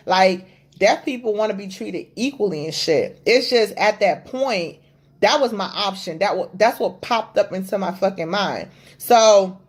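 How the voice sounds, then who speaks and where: A young woman hosting a podcast and telling a story in blunt, profane casual chat. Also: mid-range voice. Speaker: podcast host.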